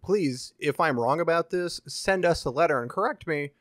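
A man's voice: on the high side, moderate pace, no echo, studio quality. A man co-hosting a game podcast, talking in loose, swearing banter. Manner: animated, swearing, rambling banter. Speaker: podcast co-host. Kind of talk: casual chat.

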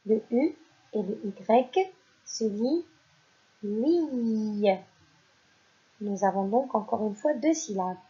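A woman teacher giving a recorded reading lesson to young children, slowly sounding out syllables and letters. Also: mid-range voice, animated, warm tone. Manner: slow, deliberate, sounding out syllables. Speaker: primary school teacher. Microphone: voice-over for slides. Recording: dull lo-fi recording.

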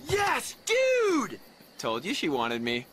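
A man's voice: sits high, huge pitch swings, takes it slowly, heavily acted. A man voicing a cocky, sarcastic teenage punk boy in a cartoon, teasing, with music behind. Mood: triumphant. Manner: teasing, sardonic. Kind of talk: animated cartoon acting. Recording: cartoon soundtrack over music.

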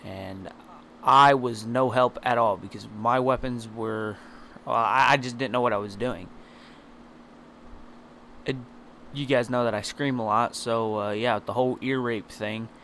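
A man's voice: medium pitch, steady tone, measured pace, long pauses, pushed and bright, a little hiss or hum. A man hosting his own gaming video, talking in a hesitant, apologetic way with many restarts. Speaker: channel host. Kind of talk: spoken intro to a gaming video.

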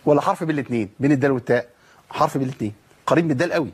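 A man's voice: medium pitch, racing, husky. A man with an Egyptian accent teaching the rules of Quran recitation. He asks questions and answers them himself, and repeats sounds to demonstrate them.

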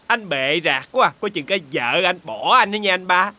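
An actor playing a sly, cocky youngest brother in a TV folk-tale drama, with a wheedling, theatrical way of talking. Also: male voice, high voice, expressive, normal speed, bright, forceful tone, full character voice. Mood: scheming. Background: music.

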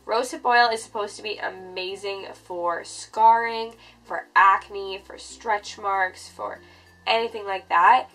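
A woman's voice: medium pitch, a bit bright, rough recording. A woman in her twenties with a stuffy nose from a cold, chatting casually to camera like a beauty vlogger. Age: 20s. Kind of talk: casual skincare vlog talk to camera. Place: furnished bedroom, indoors.

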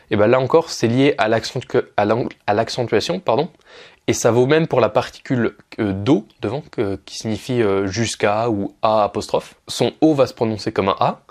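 A young man explaining Russian pronunciation in a relaxed video lesson, with frequent fillers and restarts. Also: mid-range voice. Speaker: Russian language teacher.

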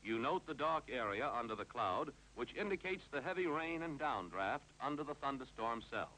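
An American man's mid-range voice, bright and forceful, guides a 1950s instructional film in a clipped, commanding style at a moderate pace. His intonation lifts and dips through each step, and the rough old soundtrack hums faintly with noise.

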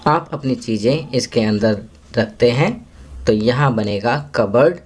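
A man with an Indian accent walks children through a worksheet lesson. He talks at an unhurried pace and draws out each English phrase word by word. His voice sits at an ordinary middle pitch. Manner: slow, deliberate English phrases. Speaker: teacher.

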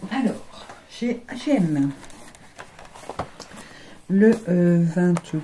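Chatty lady vlogger opening advent calendar boxes, low mellow voice, bit of hiss behind. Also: expressive, drawn-out words. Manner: chatty, stumbles and repeats words. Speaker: beauty vlogger. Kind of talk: casual chat unboxing advent calendars.

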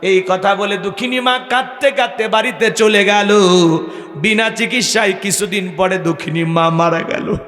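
Impassioned high-voiced male preacher. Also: normal speed, bright, forceful tone, soft background music. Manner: emotional, sing-song storytelling delivery. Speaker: Islamic preacher. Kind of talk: impassioned waz sermon. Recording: echoey hall, long reverb.

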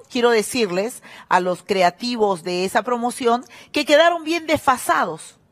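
A middle-aged woman, hosting a gossip show and commenting in an emphatic, scornful way. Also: a little high. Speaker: TV show host.

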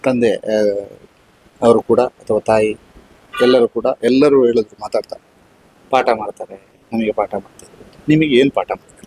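A male reporter for a local news channel, prompting his guests with short questions. His voice is a little husky. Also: medium pitch, fairly even intonation, normal speed, long pauses, darkish tone, low-quality recording. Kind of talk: field interview.

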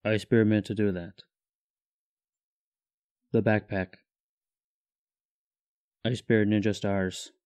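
Ice Bear, deep deadpan bear. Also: male voice, slow, long pauses. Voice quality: flat monotone, deep. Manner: terse, clipped sentences. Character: deadpan stoic male bear, speaks in third person.

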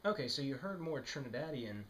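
An American man plays the host of a mock interview. He is in his thirties and speaks at an average pitch, putting questions as the interviewer in a comedy sketch. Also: expressive, brisk, fairly bright tone. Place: living room, on a sofa.

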